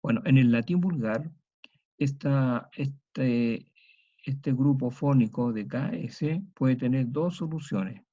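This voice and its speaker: A middle-aged man lectures in a dark, mellow voice, moving through each point methodically and saying the key words twice. The recording is slightly dull and lo-fi. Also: medium pitch, breathy edge. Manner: methodical, repeats each example slowly. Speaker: teacher. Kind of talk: university lecture.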